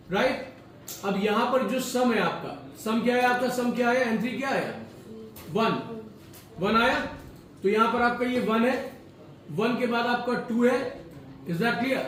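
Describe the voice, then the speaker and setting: Echoey classroom teacher, high-pitched man. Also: a bit bright, slight background noise. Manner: mixes Hindi and English, asks students questions. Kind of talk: classroom programming lecture. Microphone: far from the mic. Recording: very echoey room, distant mic, faint ambience.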